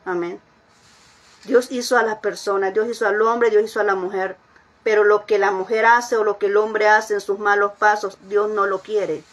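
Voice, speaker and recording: A woman's voice: mid-range voice, steady tone, moderate pace. A woman pastor preaching a sermon in an earnest way, often repeating phrases and asking her listeners questions.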